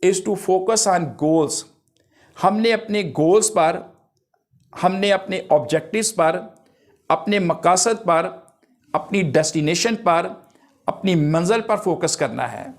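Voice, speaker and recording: A middle-aged man teaching English figures of speech, reading example words and sentences slowly and deliberately. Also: high voice, animated. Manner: slow, deliberate, reads English examples word by word. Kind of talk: classroom lecture.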